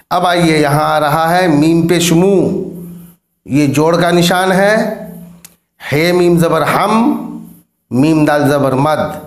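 A man teaching Urdu reading, spelling words out letter by letter in a slow, drawn-out manner. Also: fairly high pitch, echoey room.

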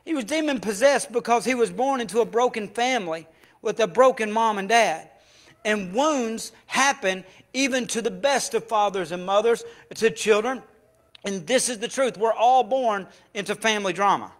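A man preaches in a church with a high voice for a man. He tells his story in turns, from loud declarations to quiet, hushed admissions. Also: moderate pace. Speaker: pastor. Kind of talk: sermon.

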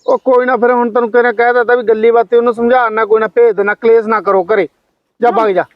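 A man plays a patient older village patriarch who talks fast in a raised, light voice and keeps brushing off every fight. The sound is dry and a little dull. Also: very high-pitched, little pitch movement, no echo. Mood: calming, weary. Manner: soothing, repeatedly brushing off quarrels. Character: older rural grandfather, patient peacemaking head of family. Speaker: actor in a family skit. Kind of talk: home-made family drama skit.

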